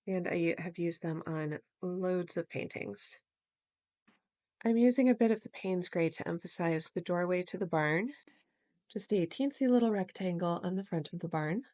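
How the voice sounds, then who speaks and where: A woman narrating her watercolor painting step by step in a gentle, explanatory way, as host of a real-time art tutorial. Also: lowish voice, normal speed, dry recording, studio quality.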